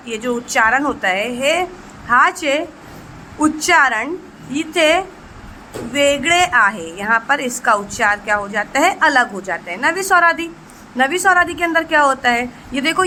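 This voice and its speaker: A woman's voice: high-pitched, sharp tone, slight background noise, low-quality recording. A woman teacher giving an exam-prep lesson, asking rhetorical questions and answering them herself, mixing Marathi terms into her explanations. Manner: addresses students fondly as children.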